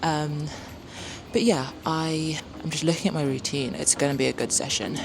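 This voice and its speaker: A woman's voice: sits low, fairly even intonation, moderate pace, creaky. A young woman chatting casually through her day in an upbeat, self-deprecating vlog, laughing easily. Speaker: vlogger. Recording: noticeable background noise.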